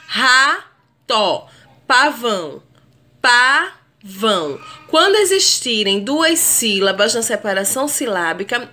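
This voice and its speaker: A woman's voice: a little high, a bit bright. A woman teacher giving a recorded lesson to young pupils, addressing them affectionately and drawing out each word syllable by syllable. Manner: slow, drawn-out spelling of words syllable by syllable.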